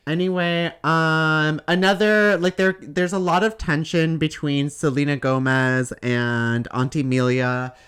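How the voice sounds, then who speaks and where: A woman's voice: low voice, unhurried, few pauses, clean tone. A woman co-hosting a podcast, chatting casually and animatedly about a film, with lots of "like". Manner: animated, gossipy, heavy use of "like". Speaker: podcast co-host. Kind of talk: casual chat.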